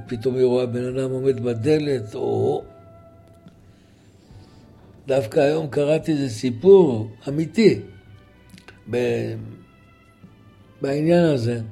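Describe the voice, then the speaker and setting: A man telling a religious story as a sermon, dramatic, acting out the characters' shouts. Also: medium pitch, gravelly. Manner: dramatic, acts out voices and shouts.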